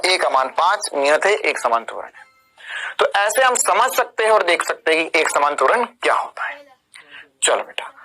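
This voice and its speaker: Over poor audio, a fairly high-pitched man with a bright, forceful tone delivers an online physics lecture for exam prep. He's emphatic and casual, tossing in jokes while explaining, repeating tag questions to check on students, and addressing them as "beta" (kids) and "bhaiya" (brother).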